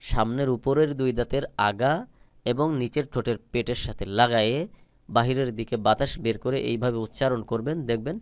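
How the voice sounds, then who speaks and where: A man's voice: medium pitch, fairly even intonation, a little fast, clean tone, no room sound. A man teaching Quran letter pronunciation, patiently repeating and stretching out each sound. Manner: patient, instructive. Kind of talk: slow step-by-step pronunciation lesson.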